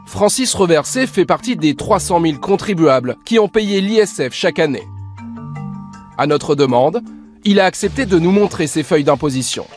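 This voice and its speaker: A man narrating a television news report in a measured, formal delivery. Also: fairly high pitch, lively intonation. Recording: TV report clip with music bed.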